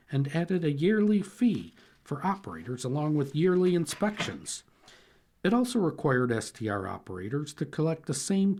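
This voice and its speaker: A man reads newspaper articles aloud for a radio reading service. His delivery is measured and even, with an animated, shifting pitch. Now and then he stumbles over a word and restarts. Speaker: volunteer newspaper reader.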